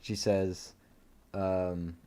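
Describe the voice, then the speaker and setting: A man hosts a live coin-hunting stream, murmuring coin dates in a steady run and dropping easygoing asides to his viewers. His voice sits a little low, with a warm, mellow tone. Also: drawn-out words. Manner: easygoing, laughs at his own dad jokes. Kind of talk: casual live-stream commentary.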